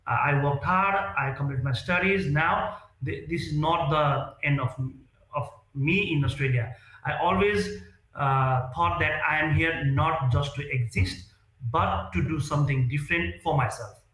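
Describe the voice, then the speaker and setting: A man's voice: a little high, unhurried, a bit bright. Earnest man in an echoey room. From Nepal. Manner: earnest, hesitant with many fillers and restarts. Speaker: real estate sales executive, guest. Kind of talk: interview answers.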